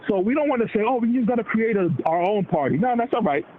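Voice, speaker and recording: A Dominican man with a high, lively voice talks fast and casually about politics, using slang and often doing voices for the people he quotes. The audio sounds tinny and noisy, like a phone line.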